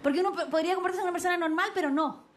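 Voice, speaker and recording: A young Chilean woman doing a stand-up comedy set on stage, brash and slangy, swinging her pitch for quoted voices. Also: racing. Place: stage before a live audience. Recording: noisy live TV stage with crowd. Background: crowd laughter.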